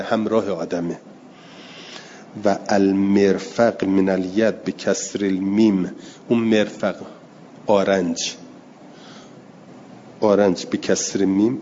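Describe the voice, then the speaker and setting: A man's voice: on the low side, mellow. Man teaching a text lesson in a hall. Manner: reads passages slowly, then explains them plainly; answers students' questions. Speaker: religious teacher. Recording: dull lo-fi recording in a long-reverb hall with faint noise.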